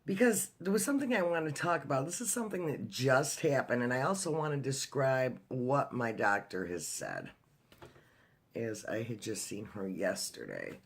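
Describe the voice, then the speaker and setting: A man's voice: mid-range voice, big pitch swings, normal speed, creaky, breathy edge. A man talking in a casual video diary, telling a personal story in a chatty way with lots of fillers and restarts. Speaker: vlogger.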